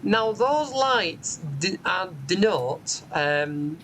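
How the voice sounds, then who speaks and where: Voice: mid-range voice, animated, extremely slow, a bit bright, a little hiss or hum, low-quality recording. A bus simulator channel host giving casual gameplay commentary from home, chatty and explanatory, with frequent "um" fillers. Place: home room with a window onto a street.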